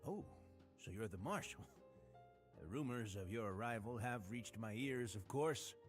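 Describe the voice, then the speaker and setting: A man's voice: medium pitch, animated, moderate pace, faint music behind, natural voice. A man voicing a genteel bartender. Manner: genteel and polite, oddly eager. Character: suave, courteous male hotel bartender who collects ears. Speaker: game character.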